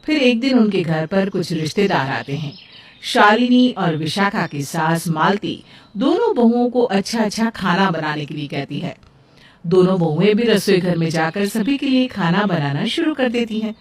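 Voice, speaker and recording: A woman narrating a cartoon story in an even storytelling manner. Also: mid-range voice, normal speed, recorded from a distance. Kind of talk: scripted narration.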